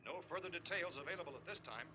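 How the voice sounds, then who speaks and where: An actor playing a grave male newscaster reading a formal, measured 1960s emergency bulletin. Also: on the high side, lively intonation, crowd noise, natural voice.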